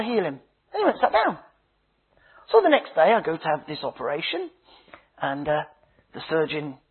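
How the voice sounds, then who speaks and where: A man, a minister, preaching a sermon with a husky voice, slow emphatic phrases that drop to a hush, and humorous stories. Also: fairly high pitch. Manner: dramatic preaching, slow emphatic phrases dropping to hushed tones; humorous storytelling. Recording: tinny phone-like sound.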